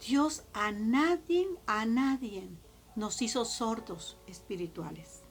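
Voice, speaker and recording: Woman preacher, Mexican accent, slow emphatic sermon delivery, fairly high voice, soft instrumental music underneath. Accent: Mexican Spanish.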